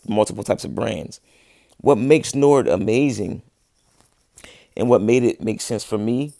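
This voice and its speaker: A medium-pitched, gravelly, slightly mellow voice belongs to a musician in his thirties hosting a livestream, in a dry, studio-quality recording. He casually answers viewers with laid-back slang, says he's losing his voice, and restarts again and again.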